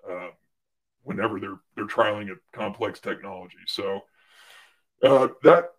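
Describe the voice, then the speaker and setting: A young man, a guest on a livestream, telling a work story casually with lots of "like" and restarts, getting loud when he quotes someone. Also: fairly low pitch, a little slow. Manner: animated storyteller, fillers and restarts, loud when quoting others. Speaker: guest, former medical device rep.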